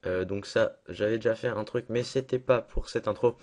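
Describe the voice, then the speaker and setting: Chatty young man giving a software tutorial. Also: fairly low pitch, moderate pace. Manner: chatty, self-deprecating, lots of fillers. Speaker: tutorial maker. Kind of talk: casual screen-recorded software tutorial.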